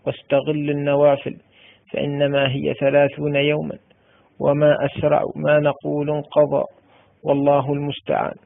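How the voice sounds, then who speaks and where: A man preaching a formal, measured religious exhortation to the listener. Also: on the high side, vocal fry, dry recording. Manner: formal, even, measured delivery. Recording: tinny phone-like dry recording.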